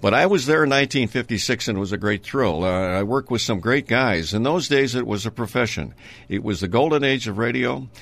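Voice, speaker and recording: A man's voice: mid-range voice, lively intonation, a little fast, creaky, a bit bright, no room sound. An older man from Minnesota, a retired radio announcer, reminiscing in a rambling way with many ums and uhs and chuckles. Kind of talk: reminiscing interview talk.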